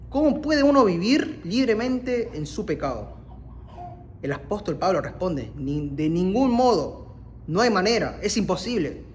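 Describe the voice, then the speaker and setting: Argentine male preacher, earnest and emphatic, voice on the higher side. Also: a little hiss or hum. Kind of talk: sermon.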